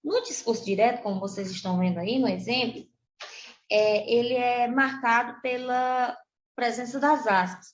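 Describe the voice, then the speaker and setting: A Brazilian woman teacher with a Brazilian Portuguese accent, reviewing a lesson for children and slowly spelling out example words. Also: a little high, steady tone. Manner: slow, deliberate pronunciation of example words. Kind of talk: recorded classroom lesson for children. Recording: roomy, dull lo-fi recording.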